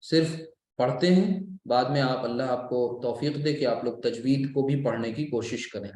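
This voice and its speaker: A man's voice: mid-range voice, normal speed, a little mellow, roomy sound. A man giving a religious lecture, explaining patiently and repeating key terms as a teacher. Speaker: Islamic course lecturer. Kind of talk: religious lecture on Quran recitation.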